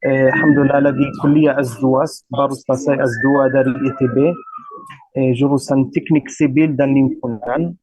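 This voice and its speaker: A man from Gaza with an Arabic accent, speaking as a guest at a religious talk, measured and courteous. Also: mid-range voice, level tone, darkish tone. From Gaza, Palestine. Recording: dull radio broadcast sound.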